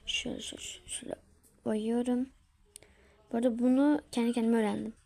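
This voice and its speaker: A woman's voice: fairly high pitch, steady tone, fast talker, gravelly, mellow, a little hiss or hum. A woman at home walking viewers through a casual tutorial, chatting to them as friends and often dropping into a whisper while she works. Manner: chatty, keeps calling out to her friends; drops to a whisper while working. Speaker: tutorial maker.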